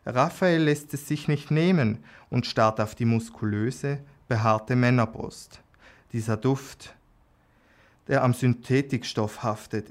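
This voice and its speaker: A man reading an erotic story aloud in a calm, unhurried way, with small slips and restarts. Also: medium pitch. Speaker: narrator.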